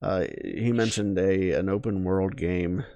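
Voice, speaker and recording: A man's voice: deep voice, steady tone, measured pace, warm tone, no room sound. A man co-hosting a podcast, chatting casually with lots of fillers and restarts. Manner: rambling, many fillers and restarts. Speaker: podcast co-host. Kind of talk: casual chat.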